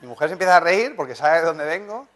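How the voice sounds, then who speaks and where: A man giving a motivational conference talk, animated and anecdotal, joking with the audience. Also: on the high side, fast. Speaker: conference speaker, journalist and writer. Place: conference hall.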